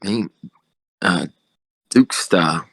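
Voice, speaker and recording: A man's voice: low-pitched, very slow, gravelly, a bit bright, breathy edge, no room sound. A man with a New Zealand accent moderating casually, breezy and matey, full of slang. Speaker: session moderator. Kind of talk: casual hosting.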